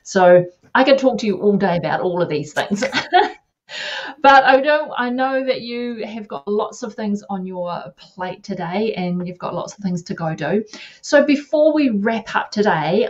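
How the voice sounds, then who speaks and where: A woman hosting an interview over a video call, chatty and affirming with many quick agreements. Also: mid-range voice, darkish tone, lo-fi sound. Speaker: interview host. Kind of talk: casual interview chat.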